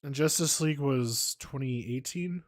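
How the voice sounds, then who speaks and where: A man's voice: mid-range voice, moderate pace. A man co-hosting a casual film podcast, opinionated, often hedging with "like". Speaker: podcast co-host. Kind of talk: casual chat.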